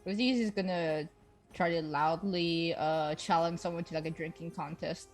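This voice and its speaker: A woman's voice: on the low side, fairly even intonation, normal speed, music in the background. A woman chatting casually as a player in a tabletop role-playing game.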